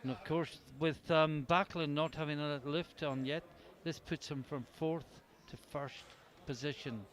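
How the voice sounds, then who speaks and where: A man's voice: a little high, fairly even intonation, measured pace, hardly any pauses, fairly bright tone. A man commentating live on a competition, chatty and explaining the results.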